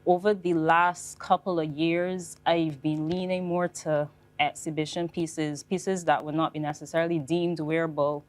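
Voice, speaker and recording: A young woman, a fashion designer speaking on a panel in a measured, reflective way. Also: deep voice, little pitch movement. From Barbados. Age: young adult. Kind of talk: panel talk.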